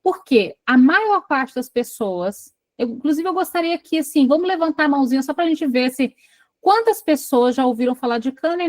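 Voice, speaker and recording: In an echo-free recording, a high-pitched Brazilian woman coordinates an online psychoanalysis group. She reads a case passage in her Brazilian Portuguese accent, then stops to test her students.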